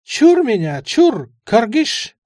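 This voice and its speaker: A man voicing a sly, rambling old male drug addict in an audiobook, with a high, shouting voice and halting, odd phrases. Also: sing-song, dry recording, clean studio sound. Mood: frightened. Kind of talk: audiobook character voice.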